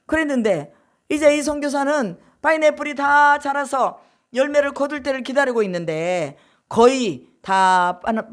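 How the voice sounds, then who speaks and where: A woman pastor preaching a sermon, telling a story and asking her listeners questions that she then answers herself. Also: on the high side.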